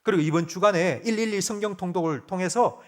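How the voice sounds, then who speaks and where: A man preaching a sermon as pastor, asking the congregation direct questions and moving between loud urgent appeals and quiet low murmurs. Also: fast talker.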